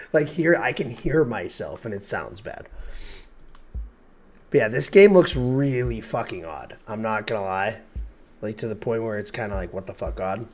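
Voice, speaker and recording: Hoarse sick man streaming casually. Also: lowish voice, expressive, normal speed. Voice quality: voice cracks and breaks. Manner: joking, swears freely. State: hoarse from flu. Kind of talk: casual live-stream chat.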